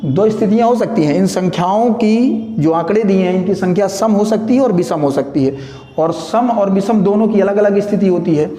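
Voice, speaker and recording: High-voiced man teaching math, echoey room. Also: warm tone. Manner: explains step by step, often adds tag questions; counts out numbers slowly. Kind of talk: classroom lecture. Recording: echoey room with long reverb.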